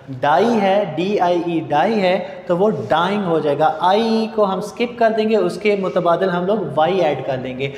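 A man giving an English grammar lecture over slides, explaining slowly and spelling out words letter by letter. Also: high voice, darkish tone. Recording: echoey room with long reverb.

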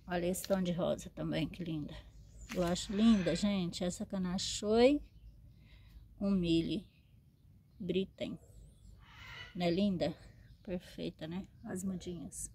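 A woman talks slowly and fondly as she shows off her plants, often checking in with her viewers. Her voice is mellow and unhurried, like a casual show-and-tell vlog. A faint hum of ambience sits behind her. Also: on the low side. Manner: chatty, fond, checks in with "tá?" and "né?". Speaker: succulent grower and seller.

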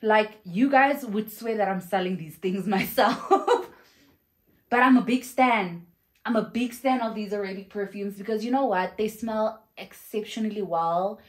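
A young woman from South Africa talks effusively through a perfume review vlog, recorded at home indoors on a camera in front of her, shelves in the room. Her mid-range voice moves at a measured pace, chatty and full of exclamations and fillers.

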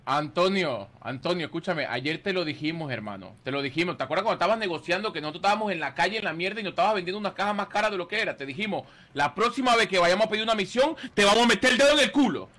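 A man's voice: sits high, lively intonation, rapid-fire, hardly any pauses, pushed and bright. A man playing a pushy, threatening character in game role-play.

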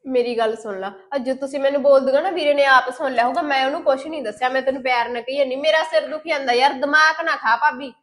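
A sharp-tongued, scheming young sister-in-law, played by a woman in a homemade short film. Her voice sits high and bright, and she spits out taunts and threats. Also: steady tone, quick pace, few pauses. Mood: irritated. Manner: taunting, then weepy accusations. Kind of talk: amateur short-film acting.

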